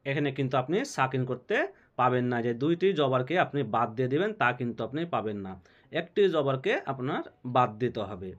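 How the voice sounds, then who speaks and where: A man teaching Quran recitation rules step by step, spelling out letters, then chanting verses slowly and melodically, and answering his own questions. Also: medium pitch, lively intonation, highs cut off. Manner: asks questions and answers them himself, slow drawn-out melodic recitation.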